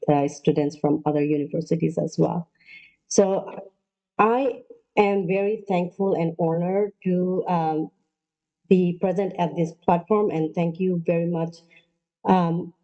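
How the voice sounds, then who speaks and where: A woman from Nepal giving an online lecture as a nurse practitioner, pausing often with ums and uhs. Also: lowish voice, warm tone, dull audio. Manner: halting, many ums and uhs. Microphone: video call.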